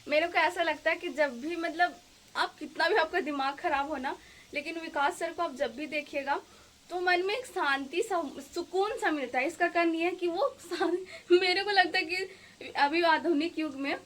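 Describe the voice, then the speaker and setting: High-voiced chatty young woman vlogging. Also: moderate pace, a bit bright. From India. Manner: chatty, rambling with fillers. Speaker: vlogger, exam aspirant. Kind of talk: casual vlog chat. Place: home kitchen and study table.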